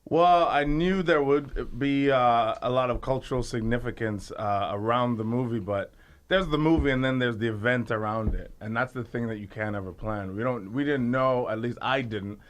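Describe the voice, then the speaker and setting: A man's voice: medium pitch, normal speed. A man, originally from Tobago, speaks as an actor guest on the show. His voice sits in the middle range and his manner is easygoing and thoughtful.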